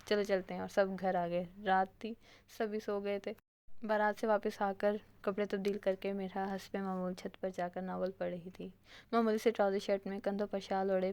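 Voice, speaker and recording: A woman narrates an audio novel in a steady, plain reading manner. Her pitch sits in a middle register and hardly varies. The delivery is even from line to line. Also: smooth.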